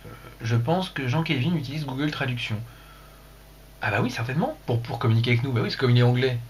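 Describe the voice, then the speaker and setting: A man's voice: mid-range voice, lively intonation, quick pace, noisy background. A man hosting a casual livestream, rambling and joking crudely, talking into a computer mic. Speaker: livestream host.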